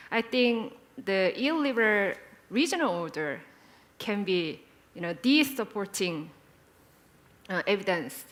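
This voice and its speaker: Woman, forties, conference panelist. Slow, unhurried delivery, halting with filler words and friendly asides. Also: mid-range voice, a bit bright. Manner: hesitant, many fillers, chatty asides. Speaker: panel moderator and speaker. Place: conference hall.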